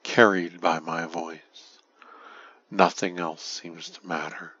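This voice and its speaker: A man guiding a hypnosis induction in a slow, soothing, repetitive way that drifts into breathy, whispery phrases. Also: sits low, flat delivery, pushed and bright, dry recording, muffled recording.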